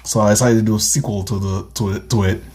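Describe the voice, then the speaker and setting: Husky-voiced man, rambling commentary. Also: fairly low pitch, steady tone, quick pace, darkish tone. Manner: rambling, giggly, filler-heavy. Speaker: webcomic creator. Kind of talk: comic reading commentary.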